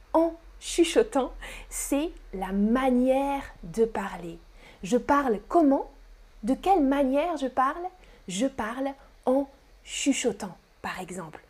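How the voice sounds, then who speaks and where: Woman teacher on a stream, slow n careful, kinda high voice, repeats stuff a lot. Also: darkish tone, breathy edge. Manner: slow, deliberate teaching with repetition; whispers on purpose as a demonstration. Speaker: French teacher. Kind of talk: live-streamed grammar lesson.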